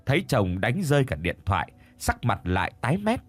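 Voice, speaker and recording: A man narrating a scripted ghost story in a dramatic, expressive manner. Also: mid-range voice, a little fast, faint music behind.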